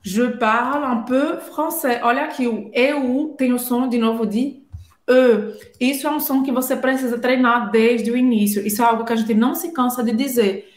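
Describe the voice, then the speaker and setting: A woman teaching a language lesson, explaining patiently and spelling out sounds slowly. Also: on the high side, fairly even intonation, echoey room. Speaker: French teacher.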